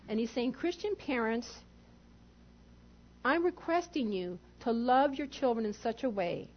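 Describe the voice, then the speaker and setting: A woman's voice: a little high, highs cut off. A woman pastor preaching a sermon in an emphatic way, putting rhetorical questions to the congregation.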